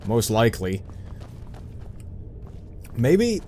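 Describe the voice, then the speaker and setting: In this casual let's play, a young man from the Netherlands with a Dutch accent mutters and jokes at his own expense while narrating his gameplay. His mid-range, slightly mellow voice swings hugely in pitch and draws out words, with a little hiss or hum behind it.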